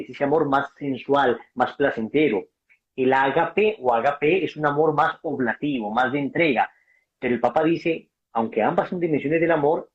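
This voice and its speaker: A man giving passionate, preaching-style answers on a video call, emphatic and acting out dialogue. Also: medium pitch. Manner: emphatic, acts out dialogue, addresses listener as brother. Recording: dull lo-fi video call audio.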